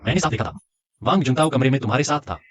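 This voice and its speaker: A man's voice: medium pitch, sing-song, rapid-fire. An actor playing a suspicious, angry husband who accuses his wife of cheating. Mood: accusing. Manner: accusing, agitated. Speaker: jealous husband.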